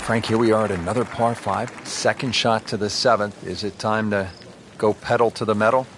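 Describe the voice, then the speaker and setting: A man's voice: fairly low pitch, fairly even intonation, normal speed, slight background noise, close to an everyday voice. A man working as a golf commentator, calling play as a composed lead announcer in a video game. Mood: composed commentary. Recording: crowd ambience and music behind.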